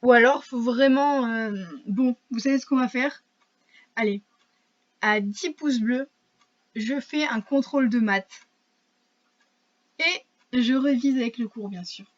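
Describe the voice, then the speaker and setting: A woman's voice: a little high, slow pace, long pauses. Rambling teen girl, self-mocking, lo-fi sound. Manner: rambling and self-mocking, many fillers and restarts. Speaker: vlogger. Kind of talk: casual chat to camera.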